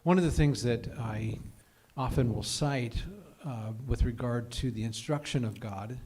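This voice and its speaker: Man, congregation teacher; mid-pitched, reflective, builds emphasis on scripture. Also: measured pace, darkish tone. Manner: thoughtful, reasons aloud with many "uh"s; reads scripture aloud with rising emphasis. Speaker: congregation teacher leading Bible study. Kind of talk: group Bible study discussion.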